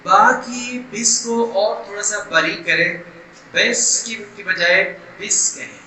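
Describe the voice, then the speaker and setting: A middle-aged man, teaching Quran recitation and stretching sounds slowly to demonstrate them. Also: sits high, bright, forceful tone. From Pakistan. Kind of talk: recitation lesson. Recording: echoey room, distant mic, faint noise.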